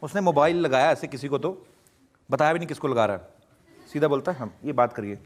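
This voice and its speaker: Young man from Punjab, slightly high voice, animated interview storyteller. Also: quick pace. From Punjab, India. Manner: animated anecdotes, acting out quoted voices. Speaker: interview guest.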